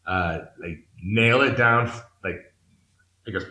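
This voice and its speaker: Recorded with dull audio in an echoey room in Mexico, a forties-aged man from Massachusetts shares his life story as an interview guest. He speaks slowly in a lowish voice with a sharp tone, candid and earnest, searching for words and often starting sentences over.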